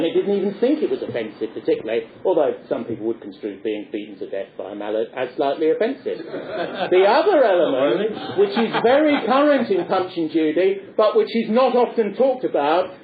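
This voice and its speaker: A man's voice: fairly high pitch, expressive, brisk. A man giving a discursive lecture in a wry, erudite, digressive manner. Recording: echoey tinny phone-like recording.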